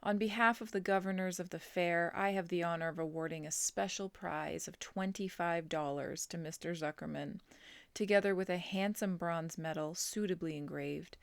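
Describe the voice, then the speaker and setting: A woman voicing a formal, pompous male announcer at a county fair over a loudspeaker. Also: lowish voice, creaky, no echo.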